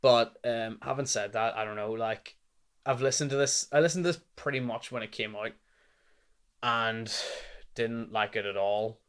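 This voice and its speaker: A young man with a Northern Irish accent, chatting casually about albums he has listened to, rambling and animated with lots of fillers. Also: medium pitch, moderate pace, clean tone. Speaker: music reviewer. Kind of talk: casual chat.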